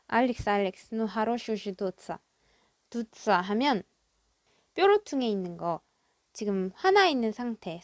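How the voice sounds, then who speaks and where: A woman teaching a language from a drama script, reading each foreign line slowly and carefully before explaining it. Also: medium pitch, no room sound, clean studio sound. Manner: reads foreign lines slowly and carefully, then translates.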